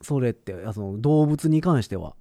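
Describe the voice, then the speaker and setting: A man's voice: mid-range voice, animated, normal speed, mellow, no echo, clean studio sound. A man with a Kansai accent co-hosting a podcast in casual, joking banter. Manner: joking banter with playful quoted asides. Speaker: podcast co-host. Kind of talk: casual chat.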